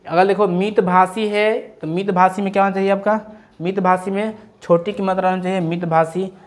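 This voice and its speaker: A man with a notably high-pitched voice leads an exam-prep grammar lesson. He works through each word step by step, firing rhetorical questions and answering them himself. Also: flat delivery, a little fast. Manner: drills students with repeated rhetorical questions. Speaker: teacher.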